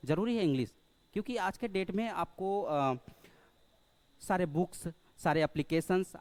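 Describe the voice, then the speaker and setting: A man's voice: a little high, a little mellow, no room sound. A man teaching a spoken lesson, hesitant and full of filler sounds, who keeps checking in with the class and calls his listeners brother. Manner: checks in often with rhetorical questions, addresses listeners as brother. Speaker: English teacher.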